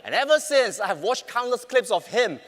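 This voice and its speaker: A forty-year-old man with a Bruneian accent giving a rehearsed motivational stage speech, projecting loudly and dramatically with deliberate pauses. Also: very high voice, sing-song. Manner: loud, projected stage delivery. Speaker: contest public speaker. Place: on stage in a large hall. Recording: reverberant large hall.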